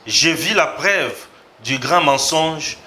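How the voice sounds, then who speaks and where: Man with a bright voice. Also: fairly high pitch, lively intonation, takes it slowly. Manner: reads tweets aloud and comments, switching between French and Lingala. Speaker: host. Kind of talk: political commentary show.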